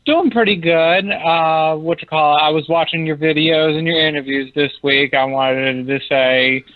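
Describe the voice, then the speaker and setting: A man's voice: a little high, fairly even intonation, moderate pace. A man from Florida calling in to a radio show, speaking in a friendly, upbeat way. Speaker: caller. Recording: tinny phone line.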